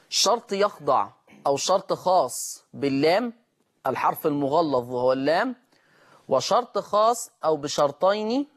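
A man with an Egyptian Arabic accent who hosts a Quran recitation lesson, opening with slow chanted verse and then explaining recitation rules in brisk talk. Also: fairly high pitch.

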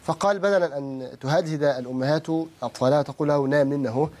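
A man teaching Quran recitation who explains quickly and chants syllable drills slowly. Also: a little high, fairly even intonation, a little mellow. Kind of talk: teaching lesson with rhythmic drills.

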